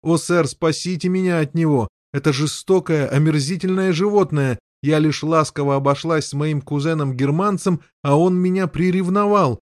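A man doing a shrill, pleading noble lady. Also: normal speed, hardly any pauses, no echo, studio quality, lightly acted. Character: frightened wailing noble lady, shrill and quarrelsome.

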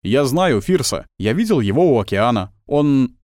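A stern police officer in a spoken story barks short, commanding questions, as a male narrator puts him on. His tone is curt and dismissive, with a lively pitch. The sound is dry and close. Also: moderate pace, dry recording, lightly acted.

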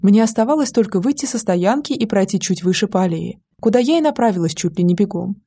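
Brief: female audiobook narrator, warm and breathy, lively first-person storytelling. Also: medium pitch, fast talker. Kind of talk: scripted narration.

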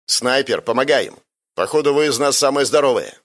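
A man's voice: medium pitch, animated, a little fast, a bit bright, pitched above the performer's own voice. A man voicing a tough male squad commander who barks short orders. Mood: commanding. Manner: barking orders.

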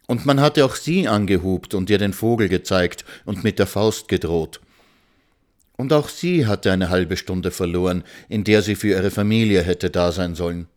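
A man reading a story aloud in a calm, measured way. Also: sits low. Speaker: narrator. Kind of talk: scripted story narration.

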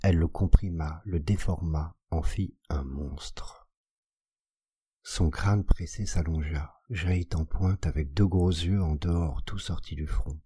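A man giving a measured, expressive scripted narration of a classic tale for an audiobook, recorded on a close mic. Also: low voice, husky, no room sound. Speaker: audiobook reader.

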